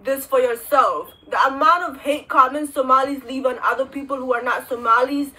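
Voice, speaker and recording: A woman's voice: sits high, normal speed, pushed and bright, poor audio. A young woman from Kenya talking frankly to camera, telling a personal story and giving her opinions in an earnest way. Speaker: vlogger. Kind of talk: direct-to-camera commentary. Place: indoors, small room.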